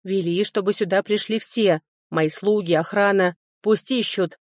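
A woman's voice: medium pitch, steady tone, measured pace, no echo, clean studio sound, lightly acted. A woman voicing a furious male duke and mage, barking orders in a commanding voice. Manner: commanding, demanding.

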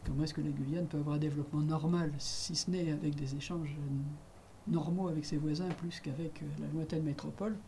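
A man's voice: fairly high pitch, fairly even intonation, brisk, warm tone, a little hiss or hum. A man giving a radio interview, speaking hesitantly with many restarts and fillers.

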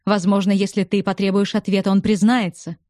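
A woman's voice: medium pitch, little pitch movement, fairly quick, warm tone, no echo, clean studio sound, lightly acted. A woman doing an angry accusing young man. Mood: angry pressing. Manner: accusing, hard-pressing.

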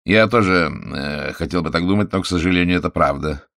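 A man's voice: sits low, brisk, gravelly, a bit bright, no echo, clean studio sound. A man voicing a grave, worried senior statesman in an audiobook, formal and solemn.

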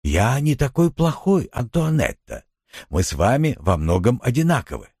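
A man voicing a commanding wealthy gentleman who speaks softly, slowly and insistently to a woman. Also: medium pitch, huge pitch swings, gravelly, breathy edge, no room sound, studio quality, exaggerated voice. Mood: coaxing. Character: commanding wealthy older man, tenderly coaxing.

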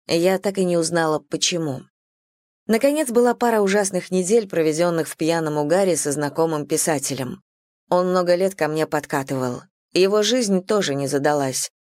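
A woman reading a first-person novel aloud in an even, measured way, close to the mic. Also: lowish voice, no room sound. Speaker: audiobook narrator. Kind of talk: first-person audiobook narration.

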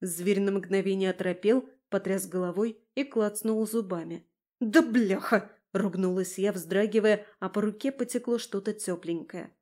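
A woman reading a first-person story aloud as an audiobook, acting out her heroine's lines with shouts and whispers. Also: mid-range voice, fairly even intonation, moderate pace, hardly any pauses. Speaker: audiobook narrator.

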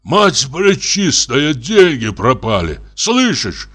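Man playing a pious old pilgrim, slow, calm, reproachful, somewhat high voice, lively pitch, audiobook character. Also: heavily acted. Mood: pleading.

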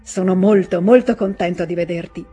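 A hearty, cheerful middle-aged gentleman in an audiobook scene, voiced by a woman reader. He speaks in a friendly, booming manner, with faint music underneath. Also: brisk, slightly rough.

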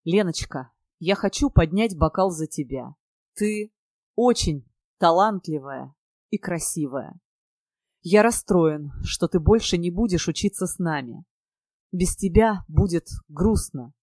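A timid young man, soft and hesitant, his voice a little lower and quieter, as a woman narrator reads him. Close, dry storybook reading. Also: expressive, unhurried, dry recording. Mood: tender. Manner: hesitant, inward, soft-spoken. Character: shy, troubled young male student.

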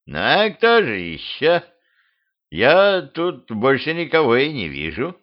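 A man voicing a gruff, practical cemetery watchman who talks bluntly and impatiently, on a dull lo-fi home recording. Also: medium pitch, wildly swooping pitch, takes it slowly, pitched above the performer's own voice.

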